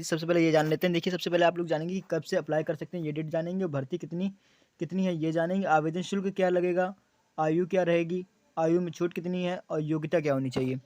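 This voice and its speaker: Young man, high voice, dry close sound, explains exam details, repeats key points, frequent fillers. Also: dry recording. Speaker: exam coaching YouTuber.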